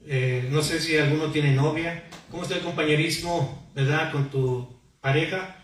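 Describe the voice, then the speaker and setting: A pastor in a church hall preaches with a voice on the high side, fairly even intonation and normal speed, prompting replies through questions to the congregation. There is slight background noise, and the distant mic picks up a very echoey space.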